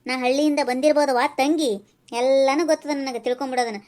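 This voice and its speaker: A brash, quick-tempered village woman from a cartoon, as a woman puts her on, with a North Karnataka accent. Her voice sits high and she fires off words at a fast clip, combative and scolding. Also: fairly even intonation, darkish tone, natural voice. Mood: indignant. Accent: North Karnataka Kannada. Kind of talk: cartoon voice acting.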